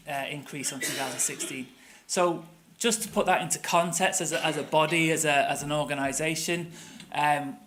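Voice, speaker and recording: A faint hiss or hum sits under this middle-aged man's gravelly, slightly bright, medium-pitched voice. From Manchester, England, he's a tour operator giving a casual conference-room presentation riddled with fillers and restarts.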